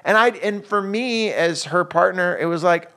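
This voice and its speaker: Animated storytelling man, fairly high voice. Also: moderate pace, smooth. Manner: animated storyteller, acts out quoted lines. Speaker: podcast co-host. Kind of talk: casual conversation.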